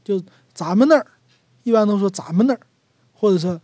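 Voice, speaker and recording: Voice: mid-range voice, animated, brisk, mellow, no echo. A speaker from Northeast China with a Northeastern Mandarin accent, casually explaining local words and acting out sample phrases. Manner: chatty, acts out everyday sample phrases. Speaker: dialect explainer.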